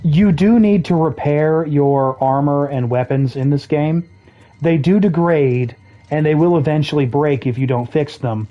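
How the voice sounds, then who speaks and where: A game streamer chatting casually over gameplay, explaining mechanics with dry jokey asides, throat a bit rough with the odd cough. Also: mid-range voice, unhurried, dull audio, faint music behind. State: throat trouble, occasional coughing.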